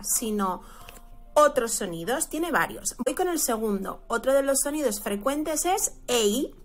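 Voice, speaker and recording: A woman from Spain teaching English pronunciation, drawing out each example word slowly. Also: sits high, pushed and bright. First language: Spanish. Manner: slow, drawn-out model words. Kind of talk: pronunciation lesson.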